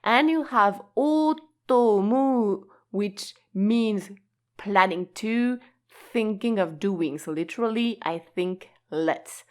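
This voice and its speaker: A woman with a mid-range voice gives an online language lesson. She explains slowly and patiently, drawing out key words and laughing lightly from time to time.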